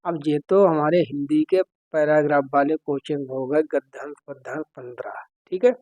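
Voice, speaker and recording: A man's voice: fairly high pitch, moderate pace, darkish tone, no room sound. Man teaching an exam-prep lesson. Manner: explains step by step, often checking with "ठीक है". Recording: dry, slightly dull recording.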